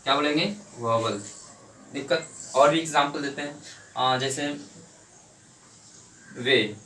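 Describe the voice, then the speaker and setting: A man's voice: mid-range voice, slow, pushed and bright, a little hiss or hum. A man teaching an English grammar lesson to a class, asking questions and answering them himself, repeating each point. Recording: echoey room, mic at a distance.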